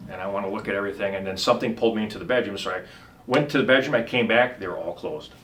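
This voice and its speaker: A man's voice: on the low side, racing, a bit bright, a little hiss or hum. A middle-aged man, a home inspector, telling rambling anecdotes with lots of ums and restarts in a casual chat. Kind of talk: casual storytelling.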